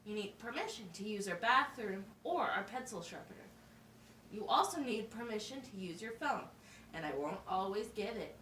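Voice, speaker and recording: A woman plays a patient, instructive teacher puppet in an amateur show, keeping her explanations simple and asking checking questions. She speaks at normal speed in a medium-pitched, animated, fairly bright voice, lightly acted, sounding firm and instructive. Faint noise and a roomy feel come from the distant microphone.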